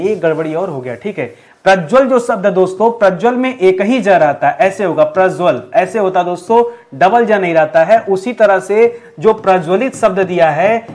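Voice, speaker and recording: A male teacher with a high-pitched voice drills exam spelling in a lesson. He asks the class again and again which form is right and stretches the tricky words out slowly, syllable by syllable. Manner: repeats questions to the class, addresses viewers as friends.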